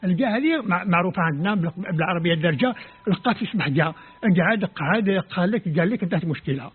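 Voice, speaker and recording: An Algerian man whose first language is Kabyle lectures in Arabic with an Algerian accent, sounding out letters and words step by step like a scholar giving an explanatory lecture. His voice is high-pitched, expressive and quick, with a breathy edge. The audio is tinny and lo-fi, like a phone.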